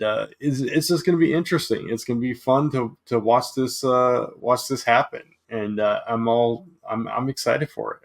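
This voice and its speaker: A man hosting a casual comic book review, eager and chatty, with lots of fillers and restarts, his voice a bit hoarse. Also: medium pitch. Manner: enthusiastic, with many fillers and restarts. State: slightly hoarse.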